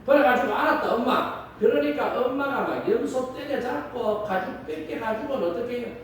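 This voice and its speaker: A male pastor preaches, his voice high and animated. He tells the story in a lively, colloquial way. The sound is heavily echoey and distant, as in a large church hall. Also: brisk, slight background noise. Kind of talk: sermon with storytelling.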